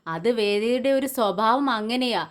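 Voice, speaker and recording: A woman's voice: a little high, unhurried. Woman casually retelling a TV serial. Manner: conversational with frequent restarts. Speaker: serial review narrator. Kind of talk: casual plot retelling voice-over.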